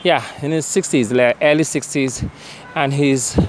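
This man speaks at a medium pitch in a steady, unhurried tone. He has a Nigerian accent and drifts into Nigerian Pidgin while delivering an unscripted, hesitant field report and interview by a bridge outdoors, with traffic and street sounds faintly audible.

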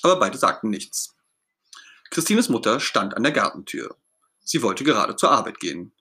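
A man reading a children's story aloud as narrator, in an expressive, gentle storytelling manner. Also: lowish voice, normal speed.

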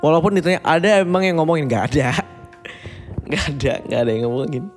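A man's voice: fairly high pitch, expressive, quick pace. A man in his twenties hosting a casual bedtime podcast, talking in a reflective, confiding way and slipping in English phrases. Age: 20s. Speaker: podcast host. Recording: long reverb with faint background music.

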